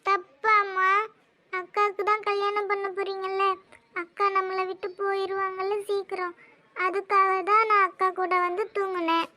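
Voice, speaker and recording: Woman playing a little cartoon girl, sulky, drawn-out, very high voice. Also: level tone, pushed and bright. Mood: wistful. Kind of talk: animated cartoon voice acting.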